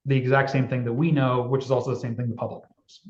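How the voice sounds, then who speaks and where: A man speaking at an ordinary middle pitch, answering panel questions in a candid, halting way. His voice comes through a video call with a roomy echo and dull, muffled audio. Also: flat delivery, a little mellow. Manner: candid, halting, searching for words. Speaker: municipal IT panelist.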